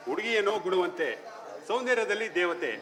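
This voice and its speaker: A man's voice: high-pitched, expressive, fairly quick, a crowd in the background. A man playing a young son earnestly consoling and persuading his widowed father in a village stage play. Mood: persuasive. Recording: music playing behind.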